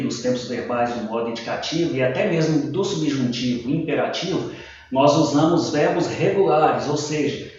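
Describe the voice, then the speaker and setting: A man's voice: on the high side, a little mellow, heavy reverb. Brazilian guy teaching grammar, patient, keeps asking ok?, sounds far from mic in a dull muffled recording. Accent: Brazilian Portuguese. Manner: patient, keeps checking in with listeners. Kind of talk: explanatory video lesson.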